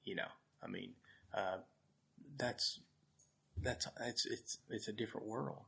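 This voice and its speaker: A man's voice: on the low side, a little slow, vocal fry, bright, forceful tone. A man from Arkansas, a guest telling heartfelt, rambling stories and often repeating his words. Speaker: guest, food charity volunteer. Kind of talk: storytelling in conversation.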